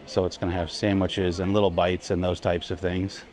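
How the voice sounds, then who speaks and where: Touring a cruise ship's interiors and open decks, the co-host of a travel vlog keeps up relaxed, chatty narration and laughs between comments. His low voice holds a level tone at a moderate pace and sounds a little mellow, with slight background noise in the clip.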